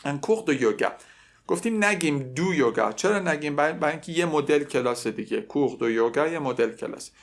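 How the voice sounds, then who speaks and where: A young man teaching a language lesson, slowly repeating phrases and conjugating verbs aloud, with joking asides. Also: on the high side, expressive. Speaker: French teacher.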